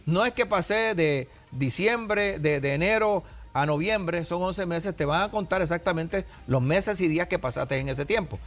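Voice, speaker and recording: A man's voice: high-pitched, moderate pace, few pauses, a bit bright. A Puerto Rican man in his sixties, an immigration adviser on a TV interview, explaining patiently with examples. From Puerto Rico.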